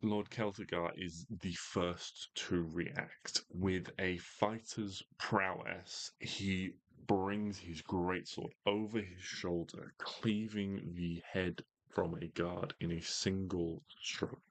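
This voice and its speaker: A man narrating a tabletop fantasy game as game master, in a measured, theatrical storytelling manner. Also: low voice, flat delivery.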